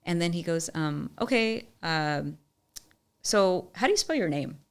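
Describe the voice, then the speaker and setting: Young woman w/ a low gravelly voice, chatty animated storytelling on a podcast. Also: unhurried. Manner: animated storyteller, often says "like". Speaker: podcast guest, musician and entrepreneur. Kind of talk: storytelling in casual interview.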